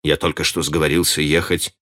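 A man's voice: very deep voice, little pitch movement, fairly quick, bright, forceful tone. A man reading aloud and voicing an embarrassed, evasive young man who answers hesitantly and mumbles.

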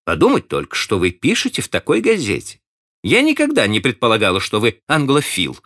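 A man reading aloud and voicing a sharp, teasing young woman with a pointed, insistent manner of questioning. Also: mid-range voice, huge pitch swings, fairly quick, pitched above the performer's own voice, heavily acted. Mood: reproachful.

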